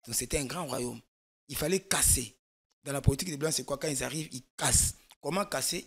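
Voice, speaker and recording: This man from Congo has a medium-pitched, slightly bright voice. He's a guest expert in a studio political discussion, giving long explanations full of emphasis and frequent restarts.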